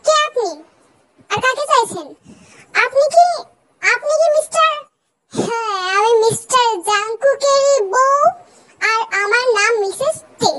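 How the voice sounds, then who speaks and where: A woman's voice: very high-pitched, full character voice, poor audio. Woman doing a sassy, bossy young wife. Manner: sharp, sassy, quick comebacks. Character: bossy young wife fielding angry phone calls. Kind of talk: comic fan dubbing.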